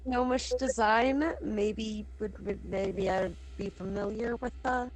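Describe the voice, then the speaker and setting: A woman playing a tabletop game, chatting casually and excitably, with casual swearing. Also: medium pitch, slow pace, a crowd in the background. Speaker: player.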